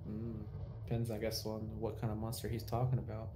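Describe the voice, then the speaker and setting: Chill guy ribbing his friend on stream, mellow voice, a bit of hiss. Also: fairly low pitch, monotone, brisk. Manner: teasing, crude jokes, laid-back. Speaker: co-player friend. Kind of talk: casual gaming chat.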